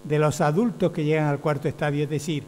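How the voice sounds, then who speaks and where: A man's voice: fairly high pitch, fairly even intonation, quick pace, a little mellow, soft background music. A man lecturing to teachers, explaining step by step and often checking with "¿ve?". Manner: explanatory, often asks "¿ve?", acts out quoted voices. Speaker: teacher trainer. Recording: hum with long hall reverb.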